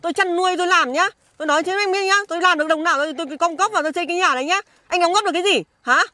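A woman's voice: very high voice, rapid-fire, bright, forceful tone, dry recording. A woman with a Northern Vietnamese accent playing a hardworking, defiant wife who scolds her husband insistently outdoors in an orchard, in an amateur skit. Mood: indignant.

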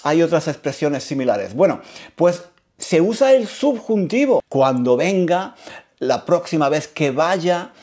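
A high-pitched man from teaches in a theatrical, playful way. He repeats his phrases over and over and leans hard on key words. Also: big pitch swings, unhurried, darkish tone. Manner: repetitive, emphatic, theatrical. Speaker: Spanish teacher.

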